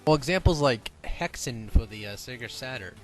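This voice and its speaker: A man's voice: medium pitch, lively intonation, normal speed, poor audio. Blunt, swearing man with music behind. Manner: blunt and profane, opinionated. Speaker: podcast host. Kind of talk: casual podcast chat.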